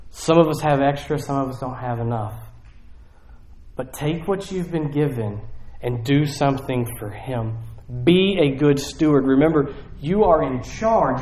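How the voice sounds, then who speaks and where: A man preaching a sermon in a relaxed, conversational way, often checking in with his congregation. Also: medium pitch, a little hiss or hum. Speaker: pastor. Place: church sanctuary. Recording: very echoey hall.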